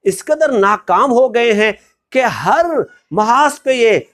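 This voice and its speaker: A man with a high, light voice and a Pakistani Urdu accent hosts a political commentary vlog. He speaks in a formal, polished register and addresses his viewers directly. His delivery is punctuated by frequent hesitant fillers as he gathers his thoughts. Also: lively intonation, takes it slowly, a bit bright. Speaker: political vlogger.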